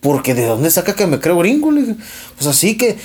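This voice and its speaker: A man's voice: high-pitched, fairly quick, slightly rough. A young Mexican man with a Mexican accent, retelling an argument in casual podcast chat, full of slang and swearing. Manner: profane, slangy, animated retelling with quoted dialogue. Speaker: podcast host.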